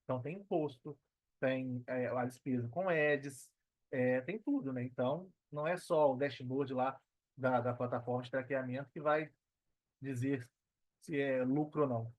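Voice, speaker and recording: With a mid-range voice and a Brazilian Portuguese accent, a digital marketer chats casually as a guest on a podcast interview, at a moderate pace. He leans on slang and repeats phrases to stress his points, heard through a muffled recording with no echo.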